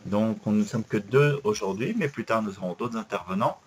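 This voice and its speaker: A man, co-hosting a casual podcast chat with a relaxed, chatty manner and frequent hesitations. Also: lowish voice, a little fast, a little hiss or hum. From France, Paris. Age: 40s. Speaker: podcast co-host.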